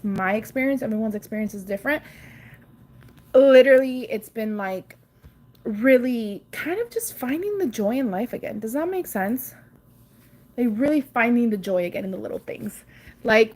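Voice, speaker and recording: A tired woman from Cuba chats loosely with viewers on a late-night phone livestream, her voice sitting a little high. She greets people by name, swears casually and drifts from topic to topic. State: tired, ready for bed. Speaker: livestream host. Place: at home.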